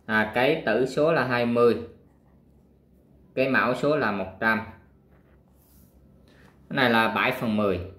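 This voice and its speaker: A male math teacher works through a worksheet, counting squares aloud in a slow, patient way. He pauses often with fillers, and his voice sits at a middling pitch. A roomy echo hangs around his voice. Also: fairly bright tone. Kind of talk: worksheet walkthrough lesson.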